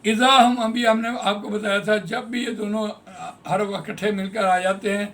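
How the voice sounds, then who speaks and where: A man teaching Quran translation in a classroom lesson, patiently explaining grammar and repeating words slowly. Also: high-pitched, little pitch movement, a bit bright.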